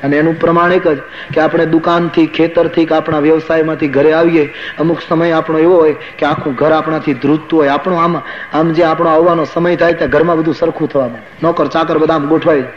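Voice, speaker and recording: A man's voice: a little high, flat delivery, fast. A man preaching a sermon to a gathering, telling it like a story and acting out the people in it. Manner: storytelling with quoted asides. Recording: dull lo-fi recording with faint hiss.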